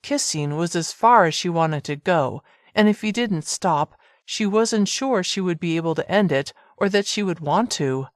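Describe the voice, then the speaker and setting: A narrator reading a romance audiobook in an even, measured storytelling manner. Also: female voice, fairly low pitch, no echo, clean studio sound. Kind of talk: scripted narration.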